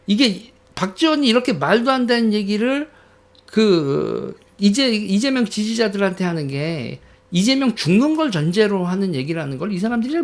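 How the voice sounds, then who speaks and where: A man from Korea's Chungcheong region giving casual political commentary, storytelling and acting out quoted villagers, chuckling often between points. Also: sits high.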